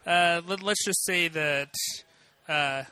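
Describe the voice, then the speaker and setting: A man's voice: fairly high pitch, slow pace, pushed and bright, smooth, no room sound. A man co-hosting a podcast in casual chat, rambling with lots of fillers. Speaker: podcast co-host.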